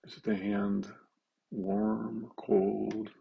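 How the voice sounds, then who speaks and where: Male meditation guide, low and raspy, fry-heavy, halting delivery with long pauses. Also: flat delivery, highs cut off.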